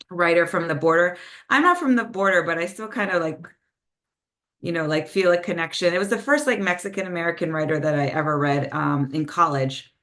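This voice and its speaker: Over a video call, a poet reads her own work in a slightly low, fairly bright voice; Spanish is her first language. Her spoken introductions are loose and hesitant, peppered with "um" and "like," while the poems themselves come slower and measured, with Spanish words mixed in.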